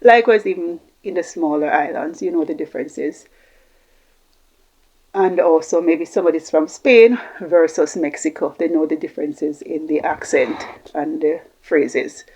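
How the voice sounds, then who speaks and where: Her voice sits low, a little mellow and slightly rough, as this middle-aged Jamaican communication coach speaks unhurriedly and unscripted to camera, rambling through long strings of examples in a slightly dull lo-fi recording.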